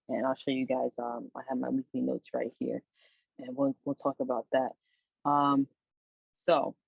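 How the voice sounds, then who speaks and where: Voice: medium pitch, gravelly, dry recording. A stock trader with the hiccups, giving a casual weekly recap of trades in a loose, rambling way with plenty of fillers. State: has the hiccups. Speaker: stock trader hosting a channel. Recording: dry, tinny phone-like audio.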